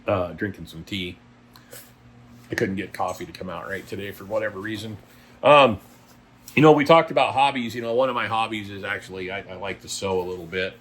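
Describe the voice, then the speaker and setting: A fairly low, steady voice with a bit of brightness comes from a middle-aged or older trucker vlogging casually to viewers. He talks fairly quickly in a blunt, folksy, emphatic and opinionated style, over a little hiss or hum.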